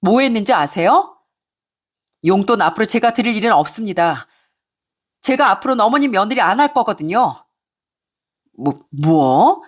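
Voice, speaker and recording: Steady woman storyteller, first-person. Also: mid-range voice, fairly quick, long pauses. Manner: plain, steady storytelling voice; cold and curt in her own dialogue.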